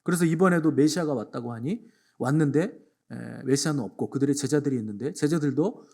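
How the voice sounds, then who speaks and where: Korean pastor preaching with dramatic emphasis. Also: male voice, mid-range voice, a little fast, vocal fry. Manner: acts out biblical speakers in dialogue, swings between hushed and emphatic. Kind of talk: sermon.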